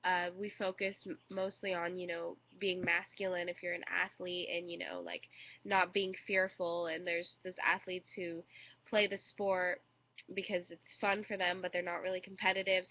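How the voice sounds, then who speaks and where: A young American woman with a congested cold gives a hesitant student speech into a webcam, using many fillers. Her voice is on the low side, flat, and at normal speed. This informal recorded speech was captured by a webcam microphone, so the audio sounds dull and lo-fi.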